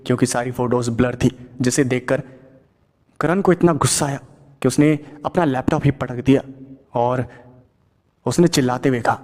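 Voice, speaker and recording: A man narrating a horror audio story in a plain, steady way, linking events one after another. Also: medium pitch, fairly quick, big-room sound. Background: faint music.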